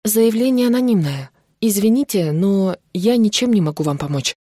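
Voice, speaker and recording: A crisp, businesslike female witch from the council, voiced by a woman reading. She sounds official and brisk, a little higher than the narration. The sound is dry and close. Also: lively intonation, warm tone, dry recording, natural voice. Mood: hushed.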